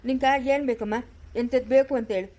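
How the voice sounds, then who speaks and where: A woman's voice: on the high side, fairly even intonation, quick pace, noisy background, natural voice. A woman acting a kindly village woman who comforts a crying child and rebukes the abuser. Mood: coaxing. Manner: soothing and coaxing, stern with the abuser. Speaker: actor in a family village skit.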